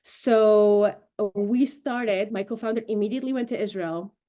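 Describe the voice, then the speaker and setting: Her voice is medium in pitch, dark in tone, and a little slow. She is a broadcast journalist and show host in her thirties from Syria, raised in Damascus and a native Arabic speaker, appearing as a guest in a remote news interview by video call from indoors, where she explains matters emphatically and articulately.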